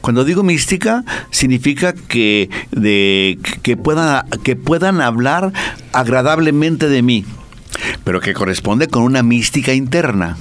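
A man's voice: medium pitch, animated, a little slow. A male priest, a guest on a radio talk program, speaking in a reflective, lightly preachy way and often repeating his words.

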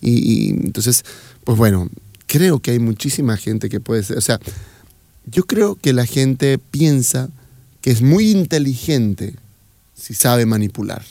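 Gravelly, hesitant man. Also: mid-range voice, lively intonation, slow pace, warm tone, no room sound. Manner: hesitant, many fillers, acts out dialogues. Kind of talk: casual conversation.

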